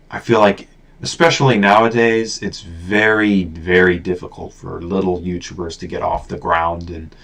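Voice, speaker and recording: Deep-voiced young man rambling earnestly. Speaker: YouTuber. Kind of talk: casual rambling vlog talk.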